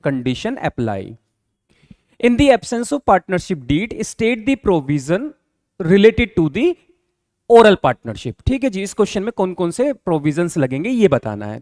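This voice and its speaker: High-voiced man teaching commerce. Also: no echo, clean studio sound. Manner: lively, acts out little dialogues between partners. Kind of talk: classroom lecture.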